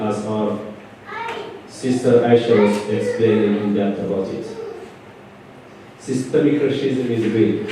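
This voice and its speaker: A man from Eritrea with an Eritrean accent, giving a measured personal testimony speech at a community event. English is not his first language. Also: medium pitch, dark tone, a little hiss or hum. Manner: earnest and measured, with deliberate pauses. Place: large event hall. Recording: echoey hall, from a distance.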